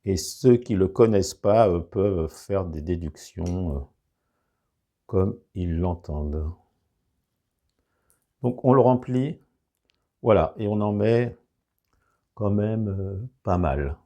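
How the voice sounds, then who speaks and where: A man's voice: deep voice, slow, pauses often, warm tone. A man with a regional accent demonstrating a product in a casual review, explaining carefully with many hesitations. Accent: French regional.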